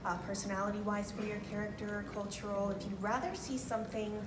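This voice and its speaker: A woman's voice: medium pitch, steady tone, quick pace. A woman fan politely asking a question from the audience at a convention. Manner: polite, hesitant. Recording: distant voice in echoey hall with noise.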